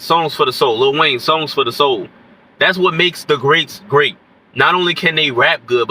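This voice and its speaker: He's an independent rapper who's sick, with a stuffy nose and scratchy throat, rambling unscripted to camera about hip-hop. His voice is mid-range, pushed and bright, nasal and congested, and he keeps throwing in "you know what I'm saying."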